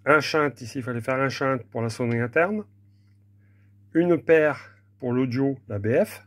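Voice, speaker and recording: Unscripted and a little hesitant, a hobbyist gives a hands-on demonstration of old equipment, explaining things in plain terms. His mid-range voice is a bit bright and moves at a moderate pace.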